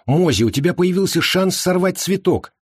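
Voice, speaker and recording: A man's voice: sits high, expressive, normal speed, husky, dry recording, clean studio sound, pitched above the performer's own voice. A man voicing a playful, teasing young woman in a near-natural voice.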